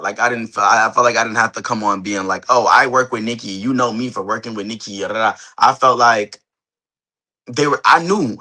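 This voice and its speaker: A man's voice: mid-range voice, pushed and bright. Chatty man. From Queens and Harlem, New York, later Delaware. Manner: chatty, emphatic, repeats himself. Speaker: interview guest, celebrity stylist and reality show cast member. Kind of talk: casual interview chat. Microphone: phone on a video call.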